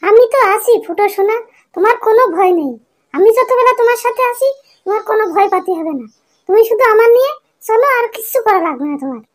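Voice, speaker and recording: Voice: extremely high pitch, lively intonation, quick pace. A performer voicing a coaxing, doting village sister-in-law in a cartoon. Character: fussy sweet-talking village sister-in-law woman. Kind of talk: cartoon voice acting.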